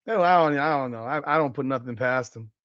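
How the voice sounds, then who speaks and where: This forties-aged podcast host runs a casual sports talk livestream, reading chat comments while he rants and curses, and his pitch jumps higher each time he gets worked up. He talks briskly in a fairly bright tone, captured as lo-fi audio with no room sound.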